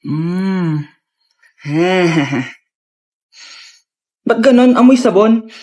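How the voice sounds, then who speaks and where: A woman acting out animated storytime skits, voicing every character with exaggerated, theatrical delivery. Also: fairly low pitch, very slow.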